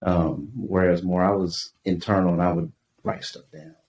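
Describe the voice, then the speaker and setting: A man from Tucson, Arizona speaks in a low, deep voice, easygoing and reflective, leaning on "you know" as he talks. The room is echoey, with a faint hiss of background noise. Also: normal speed, darkish tone. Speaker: guest author. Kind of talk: casual podcast interview.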